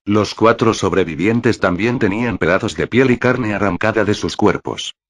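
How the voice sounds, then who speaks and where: A man narrating a creepypasta horror story in a steady, measured way. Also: fairly low pitch.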